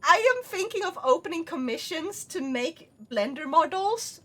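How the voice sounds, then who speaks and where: A woman livestreamer chatting casually while gaming, giggly and excitable, swearing freely. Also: very high-pitched, moderate pace. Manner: frequent swearing.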